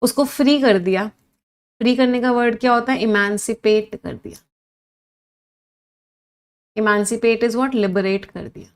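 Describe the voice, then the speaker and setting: Young woman vocabulary teacher with a fairly high voice, running an online class, quizzing and encouraging her students, explaining in Hindi and English. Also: slow, long pauses. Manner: lively, quizzing students and praising answers; mixes Hindi and English, spells words out.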